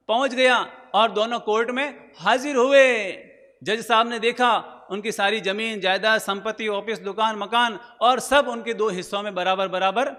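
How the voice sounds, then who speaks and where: A man's voice: high voice, sharp tone. A male monk preaching a sermon, telling anecdotes and asking rhetorical questions. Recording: long hall reverb.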